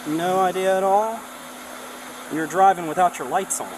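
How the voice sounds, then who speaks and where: Higher-pitched male police officer on noisy bodycam. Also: fairly even intonation, normal speed. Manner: procedural, checks understanding with "okay?" and "all right?". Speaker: police officer at a traffic stop. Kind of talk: body cam audio of procedural questioning and instructions. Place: outdoors at a roadside traffic stop. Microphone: body-worn camera. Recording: noisy body camera audio, outdoor vehicle hum.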